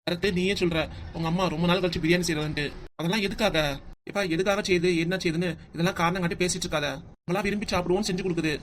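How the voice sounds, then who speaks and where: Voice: mid-range voice, fairly even intonation, very fast, slight background noise, close to an everyday voice. A performer voicing a loyal young son who argues earnestly for his mother in a cartoon comedy. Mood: arguing. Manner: earnest, arguing.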